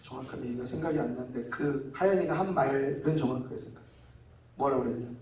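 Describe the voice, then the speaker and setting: A man's voice: mid-range voice, fast talker, darkish tone. A male pastor giving a conversational sermon, leading the congregation to repeat lines, recorded in a church sanctuary. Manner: conversational preaching with call-and-repeat. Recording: echoey church hall from far off.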